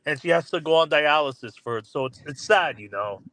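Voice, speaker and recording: A man's voice: on the high side, animated, fairly quick, a bit bright. A man calling into a show, chatting in a rambling way and often saying "you know". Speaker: caller. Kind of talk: casual call-in chat.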